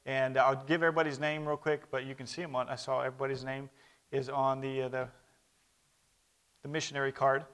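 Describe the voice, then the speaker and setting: Brisk and flat in delivery, this man has a medium-pitched, slightly bright, clean voice. He's in his thirties, grew up in Brazil speaking Portuguese first, and chats through a missionary report to a congregation while asking for amens.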